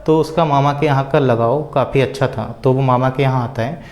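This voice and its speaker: A man casually retelling a story out loud, with a rambling flow full of filler words and small hesitations. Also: mid-range voice, steady tone, a little fast, slight background noise.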